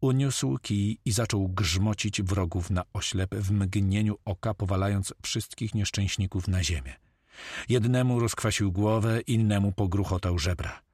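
A man narrating an adventure novel in a steady storytelling manner. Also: lowish voice, measured pace, slightly rough, no room sound, studio quality. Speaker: audiobook narrator.

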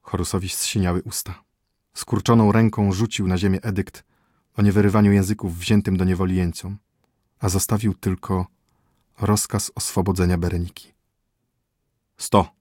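A man reads a story aloud in a steady, dramatic audiobook style. His voice is low and husky. The recording is dry and close, with no room echo. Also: normal speed, long pauses. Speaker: narrator. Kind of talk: audiobook narration.

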